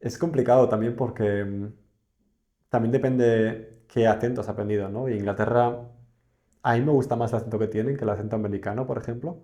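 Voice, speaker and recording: A man's voice: mid-range voice, steady tone, fairly quick, warm tone. A young man from Spain, a podcast guest, talking casually and reflectively with frequent hesitations. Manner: reflective, hesitant with many fillers. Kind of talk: casual interview conversation.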